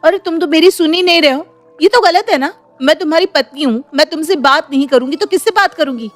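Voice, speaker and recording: A woman's voice: fairly high pitch, normal speed, faint music behind, natural voice. A woman voicing a suspicious, sarcastic young bride in a cartoon story. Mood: arguing. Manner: sarcastic, argumentative.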